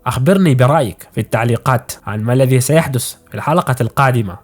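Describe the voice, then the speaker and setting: A man narrating an anime story recap in a brisk, even storytelling read. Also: mid-range voice.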